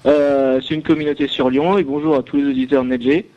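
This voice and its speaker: A man's voice: mid-range voice, fairly even intonation, brisk, a little mellow. A young man calling in to a radio show, heard over a phone line, chatting casually and hesitantly with many fillers. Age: young adult. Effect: caller heard over a phone line.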